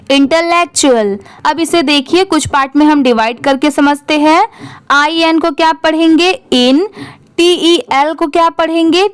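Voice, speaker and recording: A woman with an Indian accent and a high voice gives a slow English reading lesson, reading word by word, patiently spelling words letter by letter and asking questions. The recording has no room sound.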